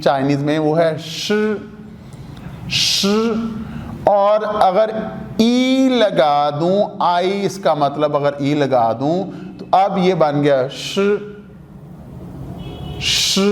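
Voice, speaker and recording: Slow, high-voiced Pakistani teacher. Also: male voice, a little mellow, slight background noise. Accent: Pakistani Urdu. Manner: explains step by step, asks and answers his own questions. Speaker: language teacher. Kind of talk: classroom lecture.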